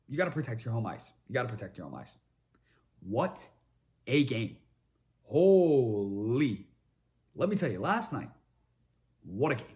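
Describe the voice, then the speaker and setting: A young man hosting a sports talk show, recapping games in an excitable monologue that swings between calm recaps and shouted hype. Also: fairly high pitch. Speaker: sports podcast host. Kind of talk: energetic sports commentary monologue.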